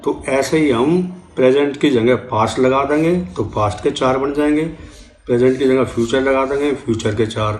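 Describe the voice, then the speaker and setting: Brief: older Indian male grammar teacher, deliberate classroom delivery, spells words out letter by letter. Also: mid-range voice, echoey room. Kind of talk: classroom-style grammar lesson.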